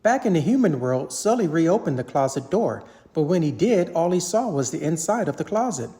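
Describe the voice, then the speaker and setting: A parent brings a children's tale to life, voice swinging widely in pitch across each sentence while keeping an even, moderate tempo.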